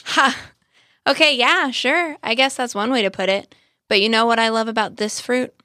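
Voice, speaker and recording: A woman voicing a proud, gentle orange grower. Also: fairly high pitch, moderate pace, dry recording, studio quality, voice pushed up. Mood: eager, wondering. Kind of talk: storybook narration.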